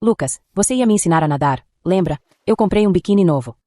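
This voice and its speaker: A woman's voice: fairly low pitch, expressive, quick pace, dark tone, no room sound, studio quality. A woman doing a sugary, two-faced young woman. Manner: sugary, with hidden barbs. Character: sweet-talking manipulative young woman, falsely innocent.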